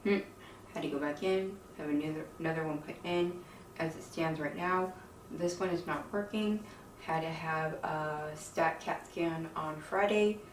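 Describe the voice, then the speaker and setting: Woman, lowish voice, toothless lips-over-teeth speech, casual rambling vlog, weary and folksy, roomy echo. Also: fairly even intonation, unhurried. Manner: chatty, weary, folksy slang, frequent laughs. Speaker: video creator with own channel. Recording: roomy, distant mic, faint noise.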